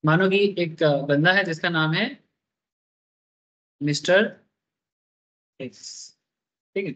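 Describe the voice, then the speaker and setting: A man's voice: fairly high pitch, slow, sharp tone. Playful male tax teacher, lo-fi. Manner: playful, quizzing students with repeated questions. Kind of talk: classroom lecture with drawing. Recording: dull lo-fi recording.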